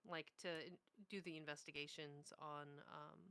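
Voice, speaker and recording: Bright, crisp-voiced woman chatting casually. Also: low voice, level tone, normal speed, no room sound. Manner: enthusiastic, laughs often, many fillers. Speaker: tabletop game player recapping a session. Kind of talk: casual chat.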